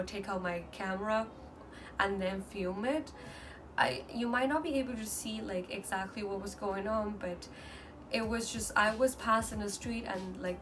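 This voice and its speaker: Recorded on a distant microphone with obvious background noise, this casual vlog features a Mandarin-speaking woman from mainland China. Her pitch is medium, and she comes across as earnest but halting, often starting over mid-thought.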